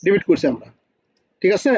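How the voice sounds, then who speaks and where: A man's voice: a little fast, a little mellow, no echo, muffled recording. A man with a Bangladeshi Bengali accent teaching an online accounting class, often asking students questions and repeating key points.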